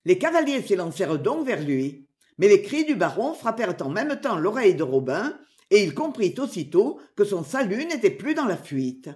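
Narrator: a woman reading a storybook, dramatic and expressive, lively pitch. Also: normal speed. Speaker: audiobook narrator.

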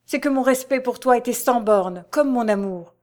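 A woman's voice: a little high, moderate pace, a little mellow, voice pushed up, close to an everyday voice. A woman voicing a passionate, desperate young nobleman in an audiobook, pleading and exclaiming in a raised, urgent voice. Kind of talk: audiobook character voice.

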